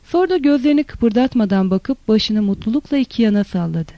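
A narrator reading a literary novel in a steady, even storytelling manner. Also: mid-range voice, a little fast, no room sound. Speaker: audiobook narrator.

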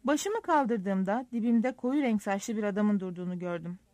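Wry, lively woman narrating an audiobook. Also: mid-range voice, normal speed, no room sound. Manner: lively, wry, self-mocking storytelling. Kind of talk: first-person audiobook narration.

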